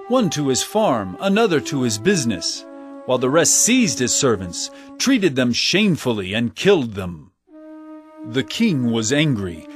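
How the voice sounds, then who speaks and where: Emphatic, expressive Jesus, music underneath. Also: male voice, fairly high pitch. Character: Jesus, an authoritative male teacher telling parables. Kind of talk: dramatized scripture audio drama.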